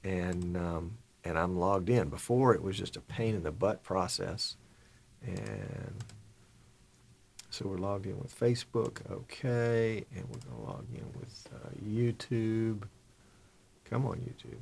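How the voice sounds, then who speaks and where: A middle-aged man hosting a live stream in casual chat, rambling and muttering to himself as he works his software in a small broadcast studio. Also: low-pitched, expressive, slow pace, gravelly, a little hiss or hum. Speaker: live-stream show host.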